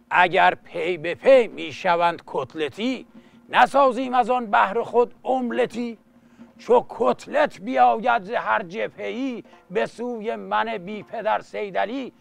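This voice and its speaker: Scheming turbaned tyrant villain performed by a man, creaky and pompous, teahouse epic storytelling verse. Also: high voice, a bit bright, exaggerated voice.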